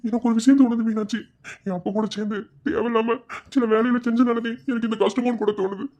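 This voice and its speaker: A man's voice: extremely high pitch, level tone, fast, a little mellow, pitched above the performer's own voice. A man voicing a remorseful young village woman who speaks earnestly in Madurai Tamil. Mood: regretful. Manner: regretful, earnest.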